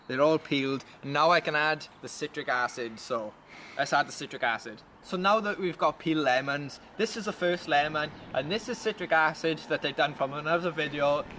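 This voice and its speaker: A man's voice: fairly high pitch, sharp tone, a little hiss or hum. A man hosting a challenge video, talking casually to his viewers. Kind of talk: casual vlog talk to viewers. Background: music.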